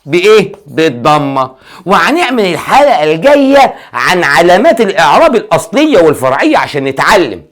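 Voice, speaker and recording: A man's voice: on the high side, very animated, brisk, fairly bright tone. A male Arabic grammar teacher with an Egyptian accent gives a classroom lesson, quizzing aloud and answering his own questions, often stretching out key words for emphasis.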